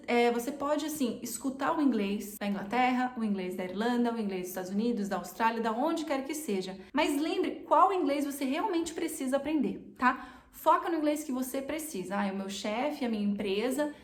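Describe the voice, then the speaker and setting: A Brazilian woman with a Brazilian Portuguese accent gives a casual online English lesson, her voice sitting a little high. She talks in a chatty way and drives each point home by repeating it. The room around her adds a clear echo. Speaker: English teacher.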